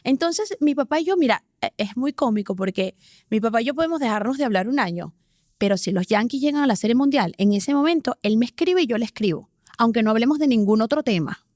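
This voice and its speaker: A woman in her forties from Venezuela, telling her life story as an interview guest with lively, emphatic bursts. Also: on the high side, no room sound, clean studio sound. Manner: animated, emphatic, talks in quick bursts. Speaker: interview guest, sports presenter.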